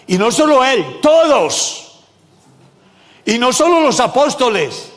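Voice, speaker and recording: A male pastor preaching a sermon, animated, joking and calling out questions to his congregation. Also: extremely high pitch, in a large hall. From Colombia. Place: church hall.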